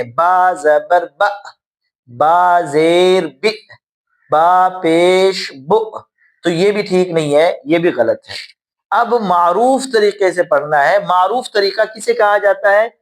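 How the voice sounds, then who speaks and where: A man teaching a beginners' Quran reading lesson, patiently explaining the vowel marks and drilling each syllable slowly and clearly. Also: high-pitched. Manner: drawn-out drilled recitation of letter sounds. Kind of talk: tajweed lesson for children and beginners.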